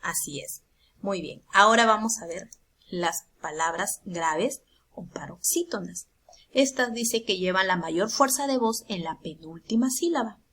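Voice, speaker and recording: A woman's voice: mid-range voice, animated, measured pace, a bit bright, husky. A woman with a Peruvian Spanish accent, a primary school teacher explaining a grammar lesson to children patiently and checking in with the class often.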